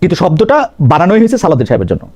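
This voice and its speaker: A male talk-show host interviewing a politician live, his voice rising and falling a lot as he presses the point. He talks quickly in a warm, mellow tone and drops in English phrases. He keeps circling back to the same question. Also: on the high side, very animated, slightly rough. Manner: probing, repeats questions, mixes in English phrases.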